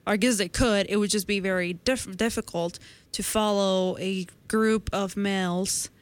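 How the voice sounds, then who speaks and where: Woman in her 20s, science podcast cohost, chatty step by step explainer, medium pitch. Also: fairly even intonation, unhurried. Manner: explains a study step by step in a conversational way. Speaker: podcast co-host presenting science news. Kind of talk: casual science chat.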